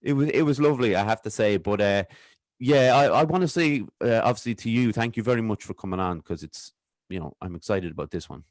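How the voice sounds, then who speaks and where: A man's voice: fairly low pitch, fast, a little mellow, no echo. An Irish man hosting a podcast in a casual, rambling way, often restarting his sentences. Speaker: podcast host.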